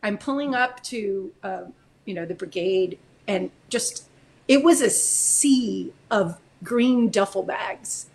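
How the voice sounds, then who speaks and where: A woman from Florida, a military spouse, telling her personal story as an interview guest in an animated, emotional way with many fillers. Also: medium pitch, takes it slowly.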